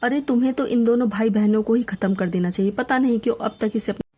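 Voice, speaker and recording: A woman voicing a drunk, jealous young fiancée who shouts accusations, in a storybook reading. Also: on the high side, quick pace, natural voice. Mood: furious.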